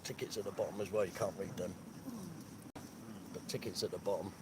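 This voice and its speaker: Cold and shivering, a man films a remembrance gathering outdoors and offers blunt, sarcastic, sweary live commentary into his phone camera. His deep voice holds a steady tone at a fairly quick pace, with crowd noise behind him.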